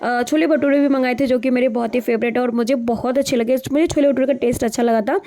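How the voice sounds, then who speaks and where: Young woman, rambling daily-vlog narrator, brisk delivery, slightly high voice. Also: steady tone, mellow. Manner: chatty, rambling, many fillers. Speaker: vlogger.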